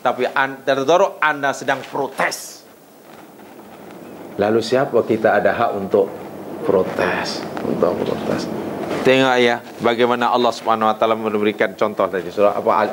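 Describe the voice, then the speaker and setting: A middle-aged man with a Malaysian Malay accent gives a religious lecture in a fairly high voice. He preaches with energy and keeps asking his listeners questions. A faint hiss sits under the recording. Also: low-quality recording. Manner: lively preaching with rhetorical questions and acted prayers.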